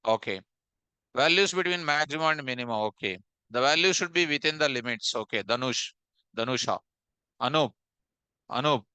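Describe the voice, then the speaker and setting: A man's voice: a little high, bright, forceful tone, smooth, dry recording, rough recording. A man teaching a live programming class, sternly repeating himself and quizzing his students.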